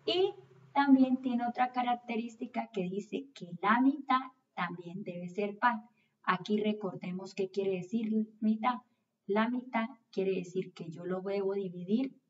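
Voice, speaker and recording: Woman teaching children, distant dull recording. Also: mid-range voice. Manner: didactic, asks questions and answers them herself; repeats key rules step by step. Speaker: math teacher presenting a video lesson. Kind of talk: instructional lesson for children. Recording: distant mic, slightly dull lo-fi sound.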